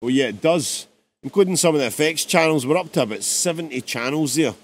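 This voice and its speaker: A man's voice: fairly high pitch, animated, fairly quick, breathy edge. A man, a music producer, talks casually through his song in a live-streamed production tutorial, chatty and rambling.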